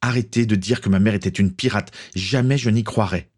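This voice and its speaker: A man's voice: fairly low pitch, fairly quick, a little mellow, lightly acted. A man voicing a stubborn, indignant young man who protests and pushes back. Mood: defiant.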